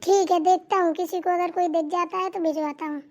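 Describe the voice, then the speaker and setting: A woman's voice: very high-pitched, fairly even intonation, fairly quick, darkish tone. A woman voicing an obliging male shopkeeper in a cartoon, friendly and apologetic. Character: adult male sweet-shop keeper, obliging. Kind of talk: cartoon voice acting.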